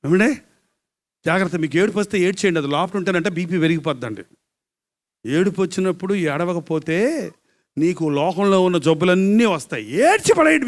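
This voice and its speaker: A male evangelist preaching a live sermon, dropping to hushed murmurs, then rising into loud, impassioned cries and asking the congregation questions. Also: high voice.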